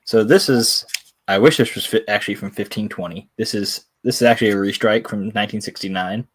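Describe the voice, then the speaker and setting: A man's voice: on the low side, brisk, slightly rough. A man with a Tennessee accent chats casually and folksily on a live sales stream, a bit self-deprecating. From Tennessee, USA. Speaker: coin seller.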